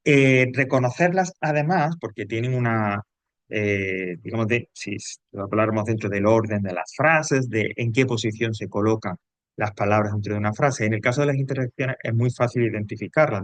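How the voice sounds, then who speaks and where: A man's voice: medium pitch, no room sound. A man with a Peninsular Spanish accent explaining grammar as a teacher in a recorded lesson, hesitant, with frequent fillers and checking questions.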